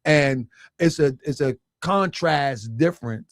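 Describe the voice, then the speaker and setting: Gravelly-voiced man telling stories. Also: fairly high pitch, slow pace, no echo, studio quality. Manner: relaxed storytelling, laughs easily. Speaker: guest. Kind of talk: casual conversation.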